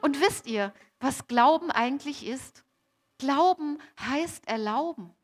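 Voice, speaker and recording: Mary, as a woman preaches in her role, high and unhurried. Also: lively intonation. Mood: earnest. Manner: slow, emphatic, repeats key phrases, speaks to audience directly. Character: young Mary, devout, awed, addressing listeners. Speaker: preacher in character. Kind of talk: first-person dramatic sermon monologue.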